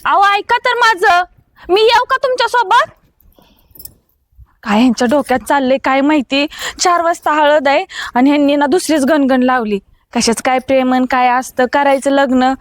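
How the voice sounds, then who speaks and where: An actress playing a bustling sister-in-law who nags and persuades. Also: female voice, high-pitched, normal speed, dry recording, lightly acted. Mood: nagging.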